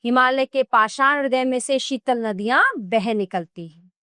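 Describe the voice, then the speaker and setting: A woman's voice: a little high, a little slow, sharp tone, no room sound, clean studio sound. A woman voicing a compassionate woman singer who earnestly pleads with an emperor to give up killing.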